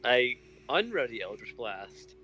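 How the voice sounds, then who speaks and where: Very bright-voiced man playing a tabletop game. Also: mid-range voice, sing-song, unhurried, slight background noise, poor audio. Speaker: player. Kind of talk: casual tabletop play.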